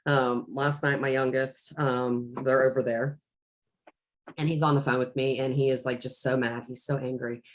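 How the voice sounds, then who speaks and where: A woman's voice: extremely low pitch, flat delivery, moderate pace. A middle-aged woman in casual podcast conversation, rambling with many restarts and fillers as she tells a story from home. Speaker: life coach.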